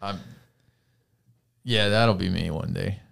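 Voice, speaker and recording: Twenties guy hosting a podcast, low-ish voice, goofy and rambly, laughs a bunch. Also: slow pace, gravelly, a bit bright. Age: 20s. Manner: joking, rambling, laughs often. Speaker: podcast host. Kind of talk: casual chat.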